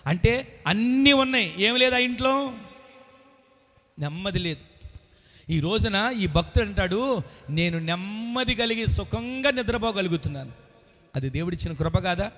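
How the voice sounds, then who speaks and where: A male pastor preaching a sermon, building to loud calls for the congregation to say amen. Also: high voice, animated, normal speed, pauses often. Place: church hall. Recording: long echo of a large church hall.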